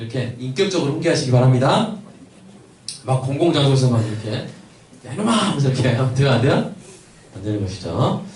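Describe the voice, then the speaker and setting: A man's voice: mid-range voice, a little hiss or hum. A man preaching a Sunday sermon as a pastor, keeping up a stream of questions to the congregation. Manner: asks the congregation many questions. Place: church sanctuary. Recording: echoey church from a distance.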